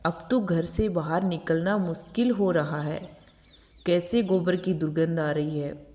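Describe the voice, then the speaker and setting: A woman's voice: lowish voice, measured pace, mellow, big-room sound, close to an everyday voice. A woman voicing an irreverent young daughter-in-law who scolds dismissively, in a storybook reading. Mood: complaining.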